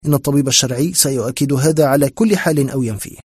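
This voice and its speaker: A man's voice: medium pitch, rapid-fire, darkish tone, slightly rough, no echo, clean studio sound, close to an everyday voice. A man voicing a weary, blunt police lieutenant colonel in a spoken horror story, dismissive and matter-of-fact.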